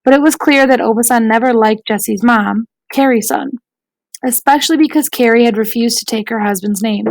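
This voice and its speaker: Woman audiobook narrator, slightly high, gravelly texture, measured reading. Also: dry recording, rough recording.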